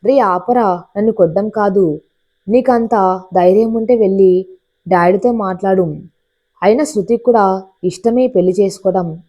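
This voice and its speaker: A woman's voice: medium pitch, normal speed, long pauses, warm tone, lightly acted. A woman voicing a smug, teasing young man in a storybook reading. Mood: defiant. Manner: playful, mocking.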